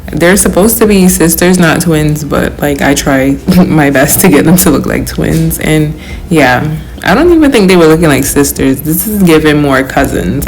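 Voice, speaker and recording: A woman's voice: sits low, low-quality recording. A young woman giving a casual, chatty makeup tutorial voice-over in informal, slangy, emphatic language. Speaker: beauty vlogger.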